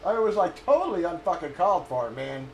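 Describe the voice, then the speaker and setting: A man with a high-set voice chats loosely and profanely, stalling and circling back as he hunts for a name. He sounds like he is in an echoey room. A faint hum of ambience sits underneath. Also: big pitch swings, fairly quick, darkish tone. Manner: profane, storytelling, trails off searching for names. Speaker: streamer. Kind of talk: casual rambling chat.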